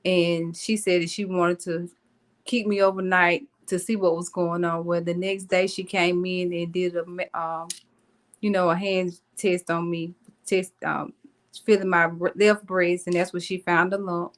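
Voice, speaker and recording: A woman guest telling her story on a video call, earnest and halting with many pauses. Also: on the low side, flat delivery. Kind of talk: personal story on a podcast.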